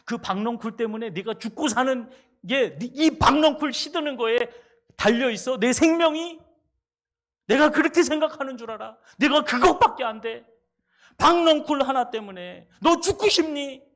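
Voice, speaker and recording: A guy playing god as a fed-up dad in a sermon, yelling high and loud, questions flying. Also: expressive, normal speed. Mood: exasperated scolding. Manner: shouting rebukes, rhetorical questions. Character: God as an exasperated father scolding his son.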